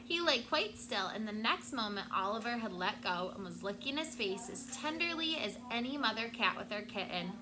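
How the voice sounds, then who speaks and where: Reading a picture book to her class, this female teacher brings expressive storytelling and occasionally stops to explain a word. She sounds a little high, keeps a normal speed, and barely pauses.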